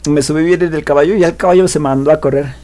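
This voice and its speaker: A man voicing an eager, reckless young boy hero in a retold story, talking with excited bravado. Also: a little high, fast talker, lightly acted.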